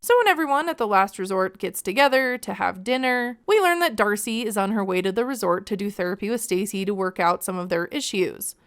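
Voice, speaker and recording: A woman's voice: medium pitch, expressive, fairly quick, hardly any pauses, a bit bright, clean tone. A woman host giving casual, chatty, gossipy commentary on reality TV with a wry edge.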